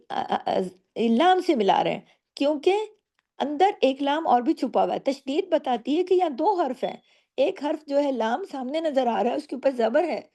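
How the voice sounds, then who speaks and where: A woman's voice: high-pitched, dark tone. A woman teaching Quran recitation rules in a patient, step-by-step lesson, often answering her own questions. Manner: patient, explains each rule and asks rhetorical questions. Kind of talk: slow step-by-step tajweed lesson.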